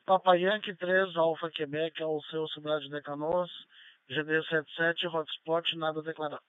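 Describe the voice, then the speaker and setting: A man's voice: fairly high pitch, level tone, measured pace, clear, resonant tone, dry recording. A man gives a radio check-in with spelled call signs. The transmission is tinny, narrow and dry. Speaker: amateur radio operator.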